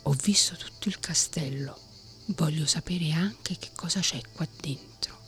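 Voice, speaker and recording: A woman's voice: sits low, a little slow, a bit bright, faint music behind. A woman voicing an insistent, headstrong young king in a whispered role-play.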